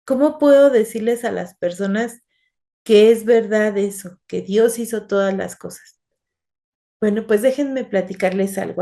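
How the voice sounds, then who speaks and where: A woman leads an online Bible class for small children. She tells stories and keeps checking in with her listeners, at a middle pitch. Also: mellow. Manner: storytelling, often asks children "right?".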